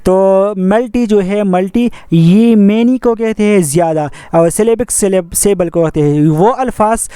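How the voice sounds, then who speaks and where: A man's voice: high-pitched, measured pace, hardly any pauses, warm tone, clear, resonant tone, no room sound, clean studio sound. A man teaching English grammar, explaining rules step by step in a repetitive, methodical way. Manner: repetitive, methodical, mixes English terms into Hindi-Urdu.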